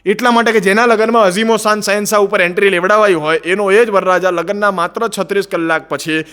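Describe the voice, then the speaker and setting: A man with a Gujarati accent doing animated stand-up storytelling, acting out the people in his jokes. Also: high voice, quick pace, clean tone, big-room sound. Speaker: stand-up comedian.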